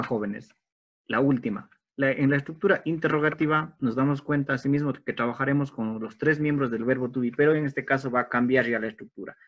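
A man teaching an online English class, explaining grammar step by step in a patient way and slowing down for the English examples. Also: medium pitch, a bit bright, lo-fi sound. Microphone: video call.

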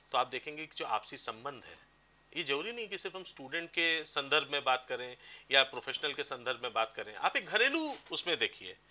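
A man's voice: medium pitch, pushed and bright. A man giving advice as a career counselor on a TV talk show, explaining with examples. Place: TV studio.

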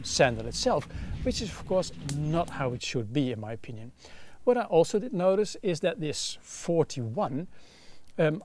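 A man's voice: on the high side, a little mellow, a little hiss or hum. A man in his thirties with a Dutch accent, explaining gear in detail with frequent fillers, recorded outdoors by a campfire. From Netherlands. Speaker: gear reviewer. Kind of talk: casual product review.

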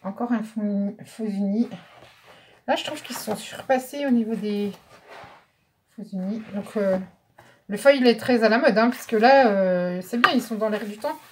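A woman's voice: mid-range voice, moderate pace, a little hiss or hum. Chatty French woman showing papers. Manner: chatty, thinking aloud with fillers and asides. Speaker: craft vlogger showing a haul. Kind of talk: casual show-and-tell.

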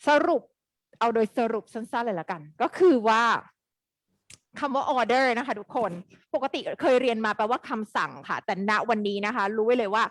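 A woman teaching an English grammar lesson live online, quizzing her students in a lively way. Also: a little high, moderate pace, no room sound.

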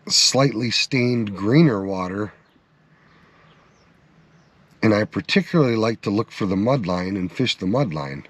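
A man's voice: lowish voice, slightly rough. A man hosting an outdoor fishing report, giving tips in a folksy, instructive way and calling his viewers "guys.". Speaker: fishing channel host. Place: outdoors on or by the river.

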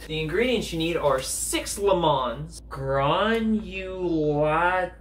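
A young man hosting a comedic home cooking vlog, goofy and jokey, sometimes breaking into loud mock commands, filmed in his kitchen on a camera mic. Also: fairly high pitch, expressive, slow pace, roomy sound, slight background noise. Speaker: cooking video host.

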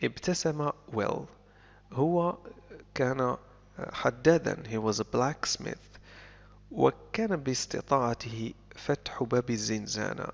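A man teaching a story lesson who reads each phrase slowly and then explains it, in a dull recording with a long echo. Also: medium pitch, expressive, vocal fry. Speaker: English teacher. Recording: lo-fi with long reverb.

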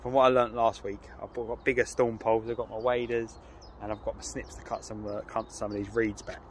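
A man's voice: lowish voice, fairly quick, a little hiss or hum. Fishing guy by a lake, chatty and hyped, phone mic outdoors. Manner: excitable, slangy, chatty. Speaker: fishing vlogger. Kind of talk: casual outdoor vlog. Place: lakeside outdoors. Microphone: phone camera, handheld or on a tripod.

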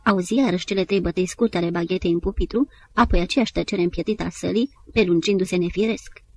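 A woman narrating an audiobook in a measured storytelling manner. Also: on the low side. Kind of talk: scripted literary narration.

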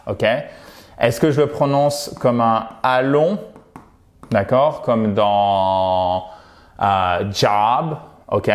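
In an online English pronunciation lesson, a French-speaking man with a lowish voice coaches in a lively way, modeling words by saying them over and over.

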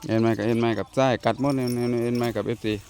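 A man's voice: mid-range voice, steady tone, racing, creaky, darkish tone, slight background noise. A man vlogging at home, talking politely to his viewers and sharply scolding his disobedient dog. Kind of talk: casual vlog chat.

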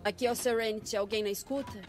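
A woman's voice: on the high side, fairly even intonation, fast, soft background music, natural voice. An actress with a Brazilian accent dubbing a tense, practical female boat skipper in a film thriller. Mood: practical, urgent. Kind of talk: dubbed film thriller acting.

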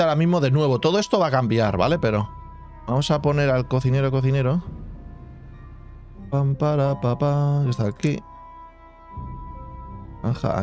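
A man talks his way through a building game in relaxed, chatty commentary, thinking aloud and filling pauses with hummed sound effects. His voice sits at an ordinary middle pitch. Faint game music plays underneath. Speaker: gaming channel host. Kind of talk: casual let's-play commentary.

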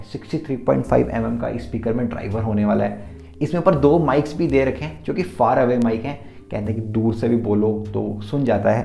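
Gravelly-voiced man chatting through a review. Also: medium pitch, warm tone. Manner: chatty, mixes Hindi and English. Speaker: tech reviewer. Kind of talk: casual product review. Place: indoor room lit by softbox lights. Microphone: his own mic set up. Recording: roomy echo.

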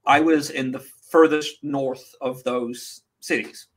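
A New Zealand man in his 30s, a comics creator appearing as a guest, chats casually in an interview over a webcam from a room in his home. His medium-pitched voice moves slowly as he tells wry, deadpan anecdotes packed with fillers.

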